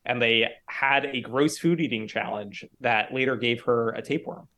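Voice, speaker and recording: A man's voice: medium pitch, moderate pace, pushed and bright. Rambly male podcast co-host. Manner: rambling, full of "like" fillers. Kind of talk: casual chat.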